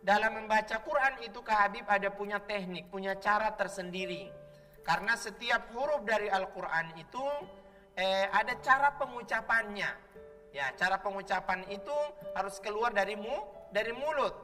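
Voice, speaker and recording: A man's voice: high voice, moderate pace, pushed and bright, in a large hall, distant mic, faint music behind. A man hosting a children's Quran lesson on television, teacherly and prompting the kids to answer back as he draws out each letter sound. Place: television studio.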